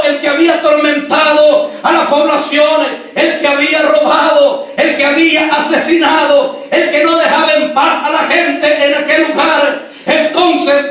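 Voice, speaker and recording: Man, preacher, fervent sermon, bright ringing tone, far from the mic, big echoing church hall. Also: extremely high pitch. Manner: fervent, bursts into shouts on key phrases; addresses the congregation as brothers. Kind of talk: Sunday sermon.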